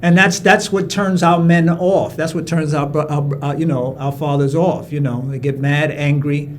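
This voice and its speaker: Male interviewer, chatty and affirming, voice a bit higher than usual. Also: fairly even intonation, normal speed, slight background noise. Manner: affirming, repeats words while finding his point. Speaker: interviewer, doctor. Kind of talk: casual interview talk.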